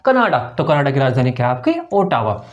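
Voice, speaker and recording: A man's voice: mid-range voice, animated, fast, a little mellow. A male teacher giving an exam-prep lesson at a board, asking and answering his own questions and repeating every point. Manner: explains memory tricks with small acted dialogues. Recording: dull lo-fi recording.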